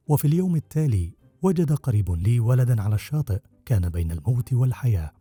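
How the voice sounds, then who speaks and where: A man's voice: medium pitch, dark tone, slightly rough, no room sound. A man voicing a cunning, bold adult outlaw who speaks in a sly, self-assured way.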